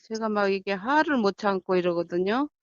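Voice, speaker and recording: A woman calling for advice, speaking in an anxious, halting way and repeating herself. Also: mid-range voice, lively intonation, no room sound, highs cut off. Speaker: caller. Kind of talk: phone call asking for advice.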